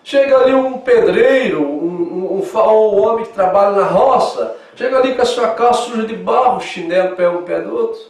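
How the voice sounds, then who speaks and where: Pastor brasileiro em salão com eco. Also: male voice, sits high, moderate pace, few pauses, recorded from a distance. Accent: southern Brazilian Portuguese. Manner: animated, swings from loud emphasis to soft asides; acts out quoted dialogue in lively voices. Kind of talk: Sunday school sermon. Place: church hall. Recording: echoey church hall, mic from afar.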